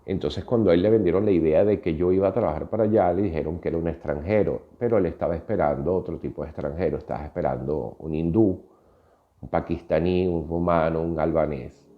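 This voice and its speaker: A man's voice: low voice, quick pace, narrow, tinny audio. A Venezuelan man in his fifties with a Venezuelan Spanish accent, telling a personal story in a reflective podcast monologue with frequent hesitations. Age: 50s. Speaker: podcast host.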